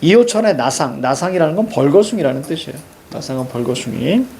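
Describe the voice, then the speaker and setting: A man's voice: on the high side, expressive, quick pace, creaky, darkish tone, a little hiss or hum. A middle-aged male teacher explains a story to students, marking up the text and asking rhetorical questions. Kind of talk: literature lecture.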